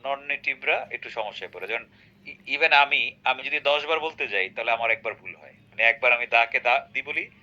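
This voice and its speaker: A man's voice: medium pitch, moderate pace, pushed and bright. A man teaching an English grammar lesson, often checking on his student with short tag questions. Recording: dull lo-fi recording.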